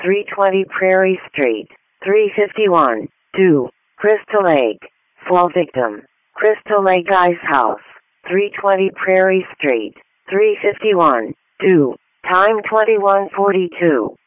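A male emergency dispatch announcer delivers formulaic call-outs in measured fragments. The voice is high and very unhurried, on a dry, band-limited radio paging channel. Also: lively intonation, no echo. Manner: measured, separated short phrases. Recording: dry, narrow radio transmission.

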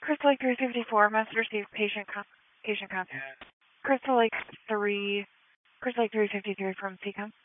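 A woman's voice: medium pitch, fairly even intonation, normal speed, a little hiss or hum. A woman working as an emergency dispatcher, giving clipped procedural replies over ambulance radio. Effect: two-way radio. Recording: dry, narrow phone-like radio channel.

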